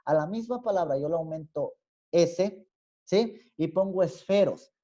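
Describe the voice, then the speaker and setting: Man with an Ecuadorian highland accent teaching online. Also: a little slow, mellow. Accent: Ecuadorian highland Spanish. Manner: explanatory, often checks in with a rising "¿sí?". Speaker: university teacher. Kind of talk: online class lecture. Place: home room on a video call. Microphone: computer mic on a video call. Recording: dull, lo-fi video-call audio.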